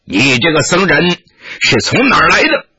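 A man voicing a fierce, menacing red-robed lama who shouts threats in a gruff, low voice, on a dull lo-fi recording. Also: big pitch swings, normal speed, no room sound, heavily acted.

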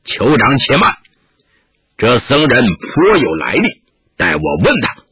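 A man voicing a fierce, menacing red-robed lama who shouts threats in a gruff, low voice, on a dull lo-fi recording. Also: huge pitch swings, unhurried, dry recording, exaggerated voice.

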